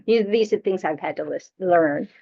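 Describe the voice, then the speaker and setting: A woman teaches Buddhist practice to a small class in a casual, chatty, frank manner, often teasing her students and saying "you know." Her lowish voice is mellow and moderately paced, captured in a dull lo-fi class recording.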